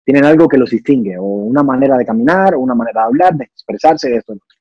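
A young man from Cuba speaks in a casual interview. His voice is dark and husky, and he explains his ideas thoughtfully, with many restarts. The sound is dry and a little dull. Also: medium pitch, lively intonation, very fast, dry recording. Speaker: actor and singer, interview guest.

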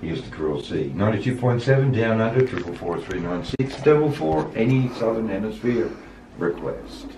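A man's voice: lowish voice, expressive, moderate pace, gravelly. A man, presenting community radio with upbeat, jokey patter. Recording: distant, roomy and noisy.

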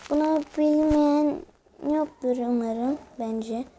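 A woman giving mobile gameplay commentary, excitable and talking to her viewers while she plays. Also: high-pitched, slow, slight background noise. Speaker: gaming channel host.

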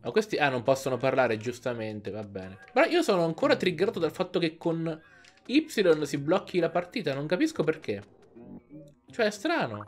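A man's voice: a little high, big pitch swings, moderate pace. A man hosting a let's play, casually commenting and joking while reading the game text aloud. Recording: game music playing behind. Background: video game music.

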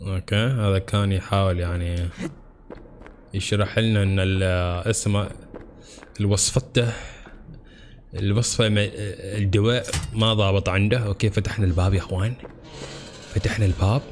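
A young man giving let's-play commentary, talking straight to his viewers and shouting and repeating himself in tense moments. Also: on the low side, normal speed, long pauses, slight background noise. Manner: excitable, talks to viewers as "brothers", yells and repeats himself under pressure. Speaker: gaming channel host. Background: game music.

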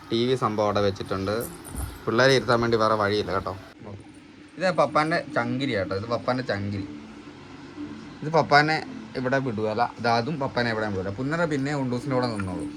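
A man's voice: mid-range voice, background noise. A man filming a casual family vlog at home, chatting to his viewers as guys and often tagging his lines with "you know.". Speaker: family vlogger.

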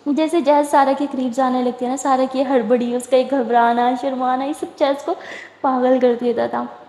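High-voiced woman telling a story. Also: little pitch movement, moderate pace, a little mellow, echoey room, in a large hall. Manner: acts out each character's lines with shifting pitch. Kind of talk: dramatic storytelling narration.

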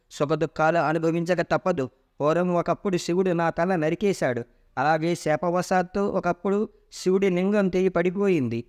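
A man voicing an old male creator god who calmly consoles and instructs the other gods in a mythological story reading. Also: fairly high pitch, natural voice. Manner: consoling, authoritative.

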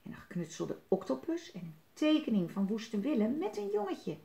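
A woman's voice: fairly high pitch, moderate pace, creaky, echoey room. A woman reading a picture book aloud to children, chatting and asking them questions between pages. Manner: lively, chatty, questions for kids. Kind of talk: picture-book read-aloud with asides to the listener.

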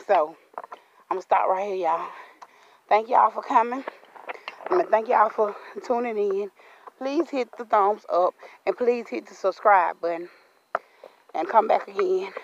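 A woman's voice: medium pitch, a little hiss or hum. Breathless woman vlogging on a walk. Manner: chatty, keeps addressing viewers directly. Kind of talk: casual workout vlog. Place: outdoor walking trail at a park. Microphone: handheld phone. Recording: slightly dull phone audio.

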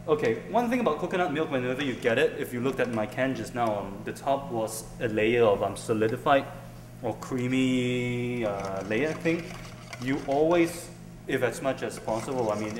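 A young Singaporean man hosts a cooking show, chatting casually and hesitantly with lots of "ums" as he cooks in a large indoor kitchen. A camera some distance away catches his mid-range voice, giving a roomy sound with background noise.

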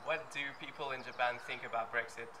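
A man's voice: mid-range voice, steady tone, noisy background. French student man outdoors, distant mic. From France. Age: young adult. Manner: halting, with frequent ums. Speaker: student interviewer. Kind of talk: student video presentation. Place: outdoors on a lawn and stone steps.

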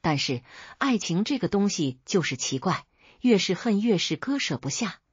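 A woman narrating folk tales as a storyteller, in a steady, even reading. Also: medium pitch, normal speed, husky, no echo. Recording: dull dry recording.

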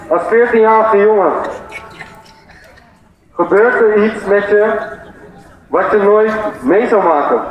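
A man giving a personal testimony as a speaker at an outdoor demonstration, in a plain, direct, conversational way. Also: high voice. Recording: echoey, muffled PA sound.

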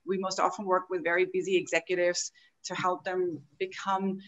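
Woman, forties, low-pitched, earnest, on a laptop video call. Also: little pitch movement, normal speed, dull audio. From Austria. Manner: earnest, open storytelling. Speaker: guest, health coaching founder. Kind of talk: podcast interview over video call. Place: home room at a desk.

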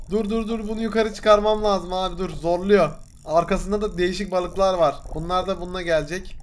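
Excitable high-voiced gaming commentator, a man. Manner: excitable, swearing, coaxing the game fish. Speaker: gaming YouTuber. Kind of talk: casual gameplay commentary.

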